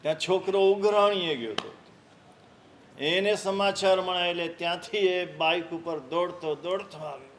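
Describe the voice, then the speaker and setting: A man's voice: high voice, a bit bright, a little hiss or hum. A man, a Jain monk, giving a sermon and acting out a story, voicing the characters' cries with rising emotion.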